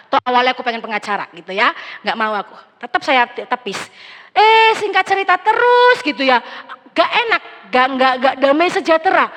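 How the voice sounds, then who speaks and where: A young woman pastor preaches in a high, bright voice, telling her story in a lively, chatty way. Her words carry a long reverb from the big church hall around her. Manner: conversational, animated storytelling with quoted dialogue. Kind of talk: sermon with personal testimony.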